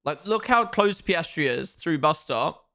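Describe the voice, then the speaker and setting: A young man from Australia and New Zealand gives casual live commentary on a stream. His voice is bright and forceful with a gravelly edge, and it sits a little high. He is chatty and opinionated and often speaks straight to his viewers. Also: sing-song, a little slow. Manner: chatty, opinionated, talks to chat. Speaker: streamer hosting a race watchalong.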